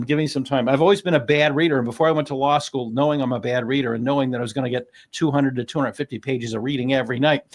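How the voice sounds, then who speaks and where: A man who is a lawyer hosting a true-crime channel, chatting casually on a video call with a rambling, emphatic manner and self-deprecating asides. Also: mid-range voice. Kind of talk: casual panel discussion.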